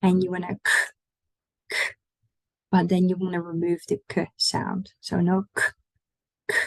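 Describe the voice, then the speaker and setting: A woman's voice: on the low side, level tone, fairly quick, vocal fry, dark tone, no room sound, rough recording. A woman giving an online language lesson, patiently explaining pronunciation and inviting the listener to repeat after her. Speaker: language teacher.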